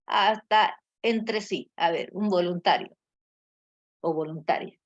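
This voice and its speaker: A woman's voice: lowish voice, slow pace, no room sound. A woman teacher giving a class lecture, with many fillers and tag questions. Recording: muffled lo-fi audio.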